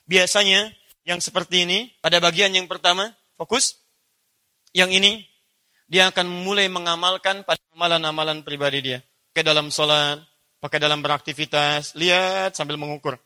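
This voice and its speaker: A male preacher delivering an Islamic study sermon with a high, bright, forceful voice. He talks animatedly, quoting Arabic verses and turning to his audience with questions. The tone stays clear and cutting. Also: steady tone, moderate pace.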